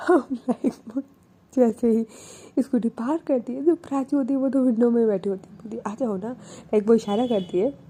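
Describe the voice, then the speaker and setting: A woman's voice: fairly high pitch, moderate pace, warm tone, breathy edge. A young adult woman telling a love story in a casual, chatty way, with frequent English fillers.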